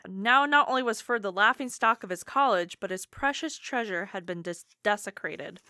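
A woman reading a silly fan fiction story aloud on a comedy podcast. Her delivery is animated and theatrical, at an even middle pitch. She leans into the drama for laughs. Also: normal speed, no echo.

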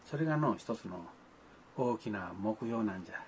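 A man's voice: on the low side, animated, normal speed, a little mellow, slight background noise. An older man, talking to children in a folksy, grandfatherly way, with old-fashioned speech and playful sound effects. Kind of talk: folksy monologue to the camera.

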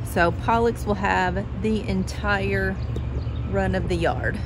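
A woman vlogger chats casually through a home tour, holding her phone at arm's length as she films outside on a patio and inside her house. Her intonation is fairly even and her pace slow, though she switches to a high sing-song voice for her dog, and background noise is audible.

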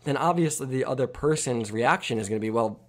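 An earnest man hosts a relaxed podcast conversation. He asks open questions and backs up his guests. His voice sits at a middling pitch. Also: fast. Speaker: podcast host.

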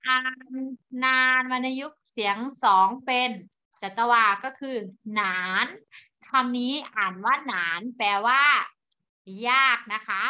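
Bright patient woman teaching young children. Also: a little high, clean tone. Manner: patient, spells sounds out slowly for children. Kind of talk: online classroom lesson. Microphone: video call. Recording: dull lo-fi online call audio.

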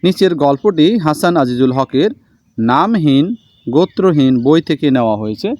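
A man teaching a school language lesson, reading aloud slowly and repeating each word for his students. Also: fairly high pitch, animated, darkish tone, dry recording. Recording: dull lo-fi sound.

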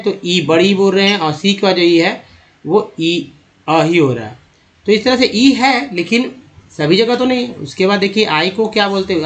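A man's voice: high voice, fairly bright tone. A man giving an English pronunciation lesson in Hindi, explaining patiently and often restarting or repeating himself as he addresses viewers as friends. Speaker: English teacher.

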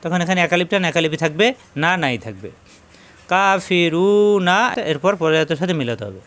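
A man teaching recitation, explaining slowly and then chanting verses in a drawn-out style. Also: fairly high pitch, lively intonation, fairly bright tone. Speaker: Quran teacher. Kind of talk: recitation lesson.

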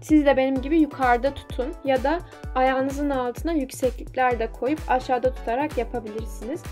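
A woman's voice: high-pitched, steady tone, fairly quick, a little mellow, soft background music. A young woman vlogger talking casually and explaining a workout step by step in an instructive, slightly self-deprecating way. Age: young adult. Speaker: fitness vlogger.

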